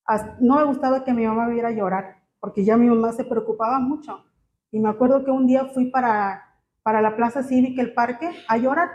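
A woman gives a personal church testimony, speaking in a halting, emotional way with many fillers. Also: a little high, steady tone, a little mellow. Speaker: church member giving testimony. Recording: muffled, slightly noisy.

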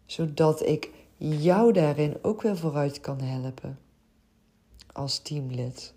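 Slow, low-voiced Dutch podcast woman. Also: dark tone. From Netherlands. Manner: earnest, open, with frequent hesitations. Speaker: podcast host and childcare coach. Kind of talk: reflective podcast monologue.

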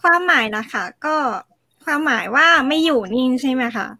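A Japanese woman with a Japanese accent, speaking as a guest in a casual interview, with slightly halting, non-native phrasing. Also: high voice, sharp tone, no echo, studio quality. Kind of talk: casual live-stream interview.

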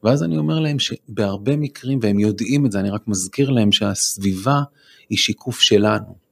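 A man in his forties, telling a personal story as a guest on a studio podcast, halting with many fillers and restarts. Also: lowish voice, creaky, a bit bright. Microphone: studio microphone.

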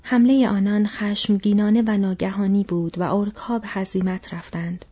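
A woman reading an audiobook in hushed, half-whispered narration, in a dull lo-fi recording. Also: mid-range voice, fairly even intonation, husky. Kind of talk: scripted narration.

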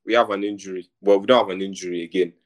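Man, young adult, low voice, rambling casual football chat. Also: very fast. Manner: animated, rambling, says "bro" a lot. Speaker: podcast co-host.

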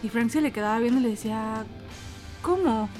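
A woman co-hosting a casual chat, telling a story with lively acted-out voices and frequent laughs. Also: a little high, very fast, faint music behind. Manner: animated, acts out quoted voices, laughs often. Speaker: podcast co-host.

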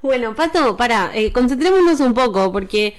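A woman's voice: a little high, expressive, a little fast. A woman with an Argentine accent, co-hosting a podcast in casual, playful chat, often laughing. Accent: Argentine Spanish. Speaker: podcast co-host.

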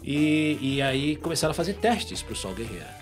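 A Brazilian voice actor and dubbing director chatting casually in an interview, telling animated stories. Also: male voice, on the high side, normal speed, music in the background. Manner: animated storyteller, acts out quotes. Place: home recording in the United States.

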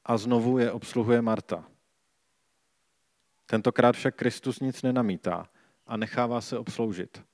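A man reading a Bible passage aloud and reflecting on it in a calm, measured way. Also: mid-range voice, no echo, studio quality. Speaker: scripture reader and preacher.

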